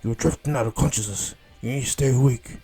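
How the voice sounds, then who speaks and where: A man's voice: medium pitch, a little fast, creaky, warm tone, breathy edge. A man voicing a short-tempered giant fox spirit in an anime story retelling, blunt and insulting but grudgingly helpful, with music behind. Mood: urgent scolding.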